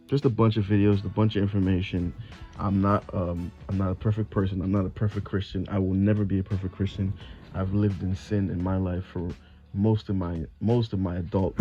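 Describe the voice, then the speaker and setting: Earnest low-voiced man, lo-fi. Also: mellow. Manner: earnest, rambling, preachy. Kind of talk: casual religious monologue. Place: home voice-over recording. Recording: dull lo-fi voice-over with faint music.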